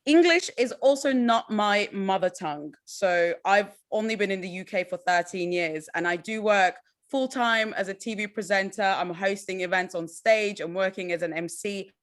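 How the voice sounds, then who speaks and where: This woman hosts and MCs an online awards event over video call, speaking at a moderate pace in a medium pitch. She stays upbeat and encouraging, referring to the audience as "guys."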